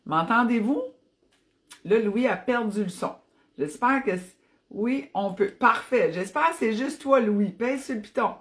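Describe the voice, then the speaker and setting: A woman from New Brunswick, Canada, with an Acadian French accent chats enthusiastically on a fitness live stream, slipping in English phrases. Her voice is fairly high and her pace measured.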